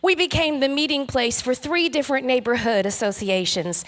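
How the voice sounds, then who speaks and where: A woman's voice: sits high, moderate pace, a bit bright. A woman preacher giving a conference talk, earnest, with rhythmic lists.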